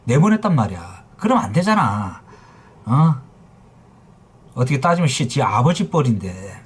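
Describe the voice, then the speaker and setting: A man's voice: medium pitch, sing-song, moderate pace, breathy edge. A middle-aged man running a phone repair shop livestream, telling heated stories in a blunt, profane way. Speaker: phone repair shop owner streaming live. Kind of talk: casual livestream rant.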